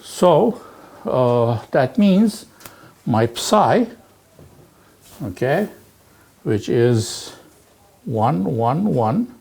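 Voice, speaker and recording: Slow, gravelly male physics lecturer. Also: medium pitch, very animated, a little mellow. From Turkey. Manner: slow, halting, with frequent "okay" and "right". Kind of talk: university lecture working through exercises. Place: lecture hall.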